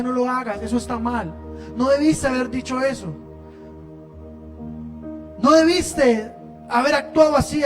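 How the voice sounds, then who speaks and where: A man preaching a sermon, impassioned, moving between loud emphasis and hushed lines. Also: very high voice. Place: church service.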